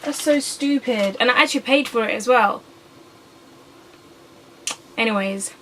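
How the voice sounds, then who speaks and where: A woman's voice: fairly high pitch, unhurried, background noise. Chatty young woman vlogger. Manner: chatty, animated, exasperated asides. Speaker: YouTuber. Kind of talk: casual chatty vlog while eating.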